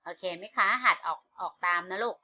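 A woman teaching children an English lesson. She speaks patiently, repeats each word and spells it out letter by letter, with frequent "uh" fillers. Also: on the low side. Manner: calls students "child", fills pauses with "uh". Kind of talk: online lesson for kids. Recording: dull lo-fi recording.

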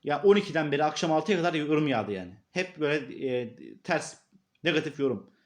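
A man's voice: fairly high pitch, expressive, fast. A man who runs a horse racing tips channel, ranting in an agitated, repetitive, scolding way at critics among his viewers. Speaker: horse racing tipster YouTuber. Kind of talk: angry rant to viewers.

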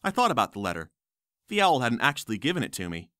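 A man reading a first-person audiobook in a wry, lively storytelling manner. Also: medium pitch, fast, dry recording, clean studio sound. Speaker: audiobook narrator.

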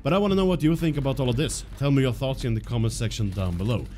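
A man's voice: mid-range voice, fast, darkish tone, a little hiss or hum. A man hosting a gaming channel, giving video game news commentary. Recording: music behind the voice. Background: music.

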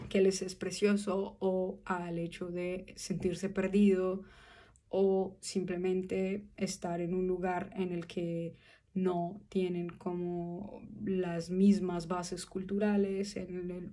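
A woman in her twenties with a Colombian Spanish accent, speaking to camera from a small room about her film project, earnest and thoughtful, with pauses and restarts. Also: lowish voice, mellow. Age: 20s. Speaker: film student pitching her short film. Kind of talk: direct-to-camera appeal. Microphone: phone camera at arm's length.

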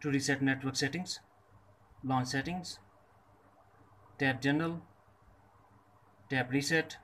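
This tutorial presenter is a man of middle pitch who walks through a scripted tech lesson at an unhurried pace. Each instruction comes as its own brief phrase, delivered in a steady voice that sounds pushed and bright.

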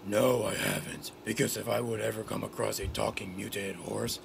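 Gruff masked hero guy in a fan cartoon, a man voicing him, super gravelly and low, noisy background. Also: steady tone, normal speed. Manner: gruff, blunt, boastful. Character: gruff brooding masked male vigilante.

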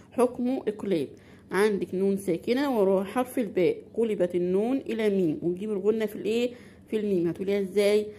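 In a beginner Quran recitation lesson, a woman speaking with an Egyptian Arabic accent quizzes and answers herself, pronouncing example words slowly and at length. Her voice is mid-range and mellow.

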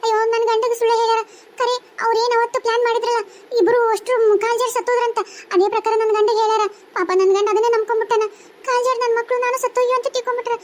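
A woman voicing a grieving young ghost wife in a cartoon, pleading and wailing in a North Karnataka Kannada accent. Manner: very high, fast, pleading and wailing. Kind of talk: cartoon voice acting.

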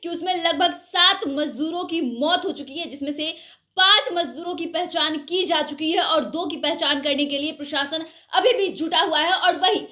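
Young woman news anchor, high voice, earnest questioning delivery, roomy studio echo. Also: moderate pace, bright, forceful tone. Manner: earnest, questioning, with open hand gestures. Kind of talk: news report to camera. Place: small studio with a plant.

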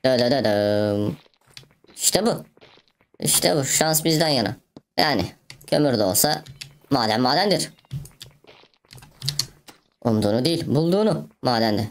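A woman with a remarkably deep, low voice talks through a game for her viewers in a loose, joking style. She fills the gaps with mouthed tapping noises and quick asides. Faint keyboard clicks and a light hiss sit behind her. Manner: playful, chatty, makes mouth sound effects. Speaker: gaming video host. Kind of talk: let's play commentary.

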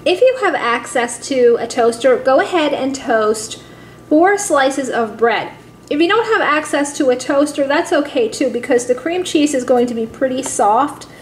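A woman hosting a cooking video, walking viewers step by step through a simple recipe in a chatty way that calls them guys. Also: sits high. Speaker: cooking channel host. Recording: echoey room with faint background noise.

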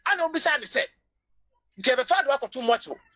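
A woman's voice: high-pitched, sing-song, fast. A woman preaching a sermon with a Ghanaian accent, emotional, at times crying out and slipping English phrases into her preaching. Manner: emotional, rising to cries and shouts, mixing English into Twi preaching.

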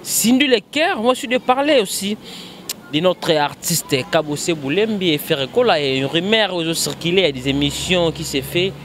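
A man's voice: a little high, lively intonation, normal speed, fairly bright tone, slight background noise. A man hosting a talk show outdoors, announcing it in an emphatic, formal style into a handheld microphone. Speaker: host. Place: outdoors against a concrete wall.

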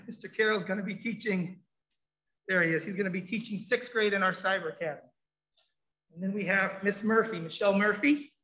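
A man's voice: high-pitched, a little fast, pushed and bright. A man speaking muffled through a face mask, informally presenting to families as a school program supervisor. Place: indoor school room, standing before a presentation screen.

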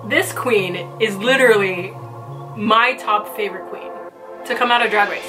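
A young woman hosting a vlog from a small room at home, chatting excitedly with lots of filler words. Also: mid-range voice, moderate pace, music in the background. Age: young adult. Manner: giggly, excitable, many "like" fillers. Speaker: vlog host. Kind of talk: casual reaction commentary.

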